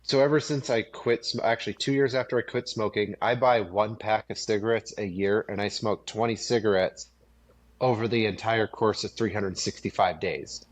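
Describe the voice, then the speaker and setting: A man's voice: fairly low pitch, steady tone, moderate pace. A man co-hosting a podcast, telling stories animatedly and laughing often in casual chat with friends. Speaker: podcast co-host.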